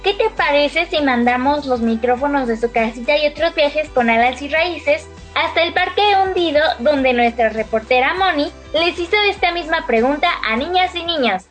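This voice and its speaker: A woman with a high voice presents a children's programme as host, in scripted style. Faint music sits behind. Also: moderate pace, few pauses.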